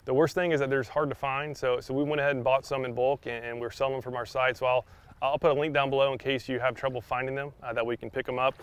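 A young man giving a casual fishing tutorial outdoors on a beach, talking in a relaxed way with many fillers and repeated words. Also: mid-range voice, quick pace, clear, resonant tone. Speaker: fishing instructor. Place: sandy shoreline outdoors by open water.

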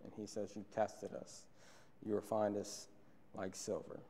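A man's voice: on the low side, monotone, measured pace, warm tone, a little hiss or hum. A young man preaching a sermon from a church pulpit into a stand microphone, earnest and repeating key phrases for emphasis. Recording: long church hall reverb.

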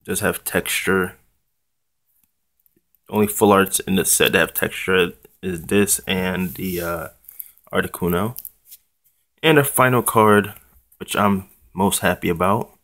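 A young man talking casually and haltingly, in a laid-back way, as the host of an unboxing vlog. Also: low voice, little pitch movement, fairly bright tone. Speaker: trading card channel host.

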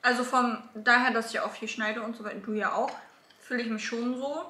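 Young woman, high bright voice, casual YouTuber chat, echoey room. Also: fairly even intonation, brisk. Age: 20s. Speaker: YouTuber hosting a mukbang. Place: small room at a dining table. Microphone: camera a few feet away. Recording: echoey room, camera at a distance.

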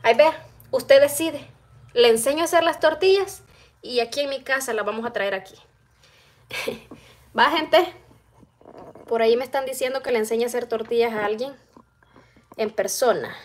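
A woman's voice: a little high, normal speed, long pauses. A middle-aged woman, chatting casually on a phone live stream from her home kitchen while cooking and reading out viewers' comments. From El Salvador. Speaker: vlogger. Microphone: phone camera close-up.

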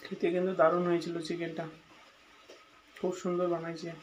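A man's voice: high voice, monotone, racing, a little hiss or hum. A man food vlogger chatting casually to viewers while eating, talking with his mouth full between bites. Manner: talks between bites, addressing friends.

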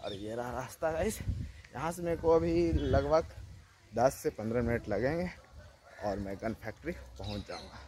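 A man's voice: mid-range voice, expressive, normal speed. A young man with a Bihari Hindi accent, chatting casually as he walks to a gun factory for his vlog and saying "guys" in nearly every line. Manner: chatty, says "guys" constantly; drops to a hushed voice near guards. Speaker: travel vlogger. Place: outdoors on roads and near a factory gate. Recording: noisy outdoor phone recording.

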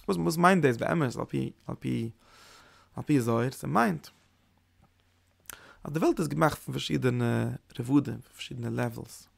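Gravelly man teaching, halting. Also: medium pitch, no echo. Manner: halting, repeats words and restarts phrases. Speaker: Torah teacher. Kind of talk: Kabbalah lesson.

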